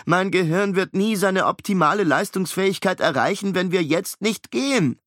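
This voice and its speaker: A man's voice: high-pitched, moderate pace, fairly bright tone, no echo, voice pushed up. Fussy clever boy, raised voice, lecturing, dry close audio, man doing the voice. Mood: pleading. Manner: precise, lecturing.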